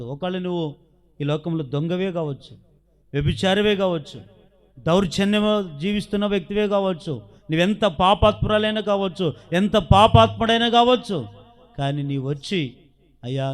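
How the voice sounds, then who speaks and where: A man's voice: high-pitched, normal speed. A man with a Telugu accent preaching a sermon as pastor, asking the congregation questions and acting out the voices in the story he tells. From India. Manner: preaching with rhetorical questions, acting out quoted dialogue.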